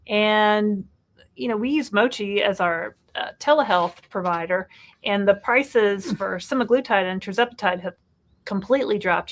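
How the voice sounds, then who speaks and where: Animated woman in her fifties. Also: mid-range voice. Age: 50s. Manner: animated, exasperated outbursts and laughter. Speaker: co-host. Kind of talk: live Q&A chat.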